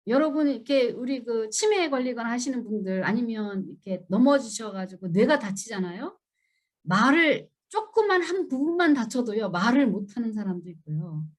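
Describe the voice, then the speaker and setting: Giving an emphatic lecture at a church seminar, a middle-aged woman puts questions to her audience and voices children and parents in a high pitch.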